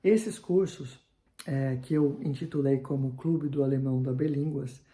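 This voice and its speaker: Very dark-voiced man teaching. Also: mid-range voice, flat delivery, echoey room. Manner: checks in with "tá?" after nearly every phrase, slows down for examples. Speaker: German teacher. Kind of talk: online grammar lesson.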